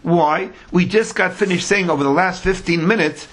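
A Talmud teacher with a high, fairly bright voice speaks at normal speed while teaching a religious lesson. His delivery is sing-song and argumentative, full of rhetorical questions and emphatic repetition.

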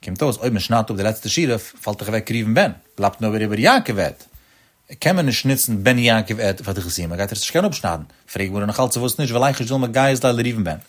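Speaking a little fast with a fairly low, expressive voice, a man gives a religious lecture that explains his subject in a lilting, sing-song manner. He talks to the audience directly, calling them friends.

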